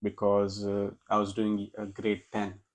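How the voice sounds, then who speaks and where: Unhurried and completely flat, a young Indian man with a lowish voice shares his story as a podcast guest. He speaks Gujarati natively, has an Indian accent, and often begins his sentences again during the casual interview.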